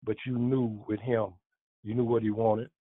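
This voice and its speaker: An older man in his seventies tells stories about his playing days in a loose, rambling way, often restarting his sentences. His husky voice comes through a tinny phone line, dry and close. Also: lowish voice, flat delivery, moderate pace, no echo. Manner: rambling storytelling with many restarts. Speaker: former pro basketball player, guest. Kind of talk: casual reminiscing interview.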